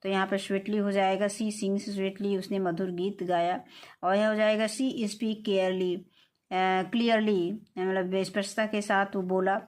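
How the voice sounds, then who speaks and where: A woman's voice: medium pitch, little pitch movement, darkish tone. Hindi-speaking woman teaching English exercises. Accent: Indian English. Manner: reads English answers slowly, then explains in Hindi with filler "अ". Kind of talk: explaining textbook exercises.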